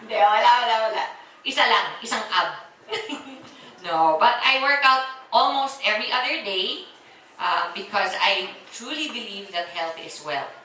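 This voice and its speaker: A woman's voice: mid-range voice, expressive, moderate pace, pushed and bright, a little hiss or hum. A woman in her forties with a Filipino accent, giving a live product presentation to an audience in a chatty, teasing way and keeping them answering her questions. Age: 40s. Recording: echoey hall, voice from far off, faint ambience.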